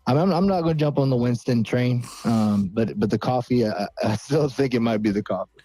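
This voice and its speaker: A male podcast co-host chats casually in a brisk, mid-range voice with a dark tone, full of slang and constantly saying "bro." The recording is low quality but has no echo.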